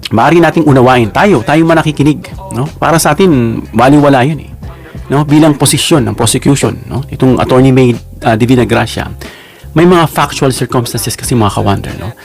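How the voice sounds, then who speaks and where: A man's voice: mid-range voice, vocal fry, soft background music. A man giving casual political commentary as a vlogger, chatty and emphatic, often checking in with his viewers. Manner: chatty, repeats "no?" and addresses viewers; slow and emphatic on key words.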